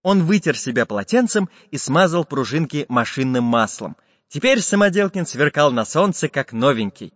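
Brief: playful storybook narrator, male, lively voice, dry but long-tailed sound. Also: a little high, normal speed. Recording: dull lo-fi with long reverb.

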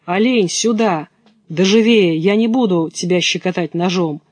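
A man reading a play voices a bold young robber girl, snapping out bossy commands in a raised, brusque tone. His voice is high and moves at normal speed, recorded close and dry with no echo or room sound.

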